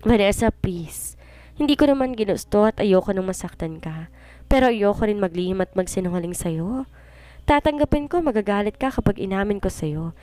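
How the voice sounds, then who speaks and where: A tearful young man begs forgiveness, as a woman reading the story puts him on. The voice is smooth and clear, in a dry, close recording, apologetic and pleading throughout. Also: mid-range voice, lively intonation, normal speed, warm tone, no echo, lightly acted.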